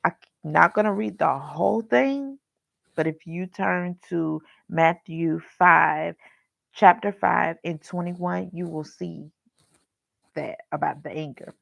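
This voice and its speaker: A woman with a lowish, creaky voice hosts a casual livestream Bible talk at a slow pace, in a dry recording. She speaks frankly and chattily, scolding her listeners with humor and calling them y'all.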